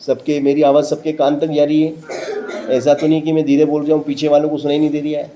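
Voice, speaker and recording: A man's voice: fairly high pitch, completely flat delivery, quick pace, mellow, lo-fi sound. A man teaching a maths lesson to a classroom of students, repeating each step and quizzing them with questions. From central India.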